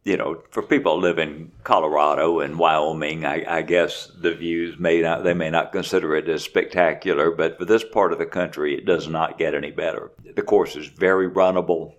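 A race director talks plainly about his event in a calm, matter-of-fact way. His voice is very deep and low in his chest. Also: moderate pace, hardly any pauses, highs cut off. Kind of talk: casual interview.

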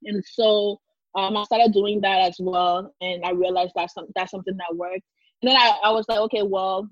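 A talkative young woman from Liberia, a culture and fashion blogger, tells her story conversationally as an interview guest and laughs easily. Her voice is mid-range, and the recording is dull, lo-fi, and dry with no echo.

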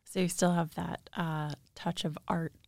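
Gravelly woman hosting a podcast. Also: lowish voice, level tone, measured pace, dry recording, clean studio sound. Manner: polite, scripted opening. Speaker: podcast host, public information officer. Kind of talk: podcast interview. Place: podcast studio.

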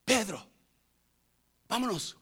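An urgent angel, as a preacher puts him on, coaxing a sleeper awake in hushed, hurried words. The voice stays close to the man's own bright tone. It sounds like a sermon scene told aloud. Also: high-pitched, expressive, slightly rough, pitched above the performer's own voice, heavily acted. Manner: hurried, coaxing, partly whispered. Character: urgent male angel waking a prisoner.

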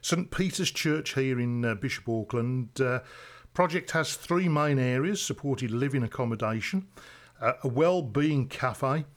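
A man's voice: medium pitch, lively intonation, unhurried. A man presenting local radio, interviewing conversationally in an encouraging way, often ending on tag questions.

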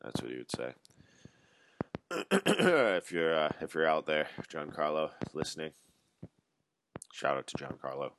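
A man's voice: very deep voice, fairly even intonation, moderate pace, noisy background. A man in his twenties rambling through a solo casual monologue, ranting and swearing freely as he talks. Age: 20s.

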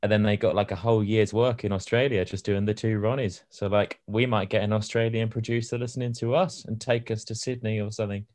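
A low-voiced man chatting on a podcast, wandering through his stories with ums and restarts. His delivery is casual and unpolished. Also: fairly even intonation, brisk, few pauses, darkish tone. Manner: rambling and hesitant, with filler words. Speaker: podcast co-host. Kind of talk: casual chat.

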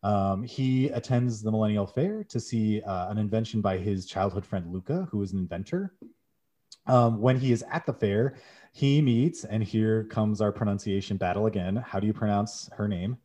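Podcast co-host, young adult male, lowish voice, eager and filler-heavy storytelling. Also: moderate pace, warm tone. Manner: enthusiastic, many "um"s, summarizes plot. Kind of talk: casual podcast chat.

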